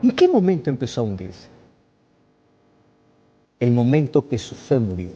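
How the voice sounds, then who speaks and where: A man preaching a sermon as a pastor, pleading with rising intensity and then praying in a hushed voice. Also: wildly swooping pitch, normal speed, highs cut off, soft background music. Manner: impassioned, rising high when pleading, hushed in prayer. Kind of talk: sermon with closing prayer.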